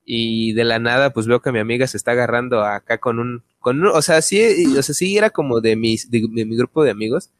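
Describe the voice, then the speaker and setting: A man's voice: medium pitch, brisk, few pauses, no room sound, studio quality. Slangy young Mexican man telling stories. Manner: slangy, swears freely, acts out quoted voices. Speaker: podcast co-host. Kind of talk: casual storytelling chat.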